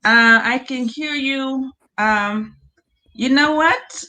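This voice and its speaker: Slow-paced woman hosting on a video call. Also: sits high, sharp tone, poor audio. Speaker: host of an online webinar. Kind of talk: informal live webinar hosting, talking a guest through screen sharing.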